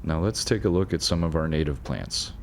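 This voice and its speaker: A man giving a measured, scripted narration of a nature video, with dry asides now and then. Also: very deep voice, gravelly, heavy background noise. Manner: measured, informative, dry asides about pronunciation.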